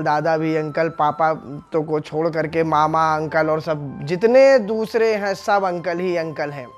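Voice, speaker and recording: A male religious teacher giving a devotional discourse, addressing the listeners as friends and sounding out syllables one by one to make his point. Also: a little high. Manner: explains Hindi sounds by voicing each syllable; addresses the audience as friends, asks rhetorical questions.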